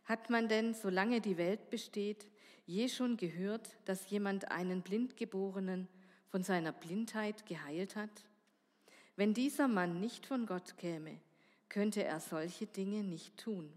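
A woman's voice: medium pitch, a little mellow. Woman reading scripture in a church hall. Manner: measured, voices the dialogue lines. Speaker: scripture reader. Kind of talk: Bible reading.

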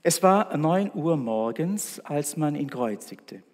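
A man delivers a Good Friday sermon with slow, solemn deliberation and weighty pauses. His voice sits a little high for a man. The sound rings out with the long reverb of a church hall. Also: animated. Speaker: preacher.

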